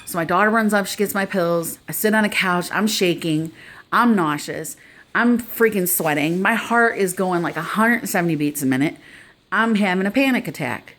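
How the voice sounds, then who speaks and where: Talking to the camera at normal speed, a middle-aged vlogger with a lowish, fairly bright voice shares her personal experience. Her tone is casual, earnest, and conversational.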